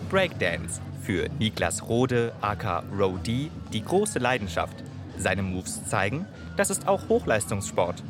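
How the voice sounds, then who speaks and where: A man narrating a TV report in scripted narration, with a measured reporter's delivery. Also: lowish voice, big pitch swings. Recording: narration over loud music. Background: music.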